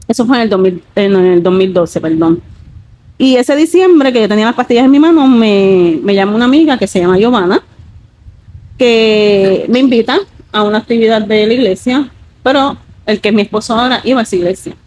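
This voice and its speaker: Woman, 30s, slightly high pitch; earnest testimony with many fillers. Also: animated, brisk, a little mellow, poor audio. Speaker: guest giving a testimony. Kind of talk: emotional personal testimony.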